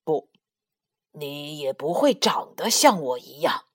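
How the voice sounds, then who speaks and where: A big, gruff tyrannosaurus dad from a children's storybook, rough but tender underneath, as a woman puts him on. His slow, low lines come out a little breathy, with soft music behind. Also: animated, exaggerated voice. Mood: firm.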